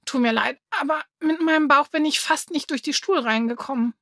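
A woman's voice: high-pitched, brisk, sharp tone, no echo, studio quality, pitched above the performer's own voice. A woman voicing a heavily pregnant, friendly woman who is out of breath. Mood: apologetic.

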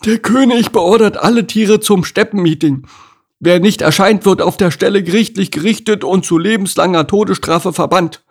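Shorshi, a squeaky boastful jackal. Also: male voice, a little slow, gravelly, breathy edge, exaggerated voice. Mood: blustering. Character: boastful young male jackal, nervous bluffer. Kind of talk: audiobook character voice.

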